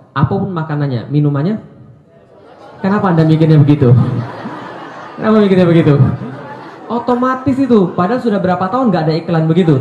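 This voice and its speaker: A fairly high-pitched man with a mellow, darkish tone, preaching in a playful way and quizzing his listeners. His voice bounces around an echoey hall. The recording sounds dull and lo-fi. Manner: playful, quizzes the audience with quick questions; joking, repeats tag questions. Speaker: Islamic preacher. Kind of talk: lively seminar talk to a live audience. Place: hall with a live audience.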